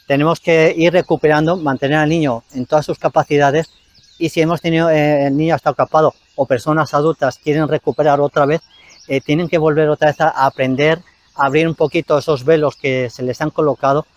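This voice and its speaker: A man's voice: on the high side, little pitch movement, fairly quick, dry recording, lo-fi sound. Hesitant man, dry outdoor sound. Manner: hesitant, frequent fillers. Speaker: presenter and spiritual teacher. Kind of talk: explanatory talk.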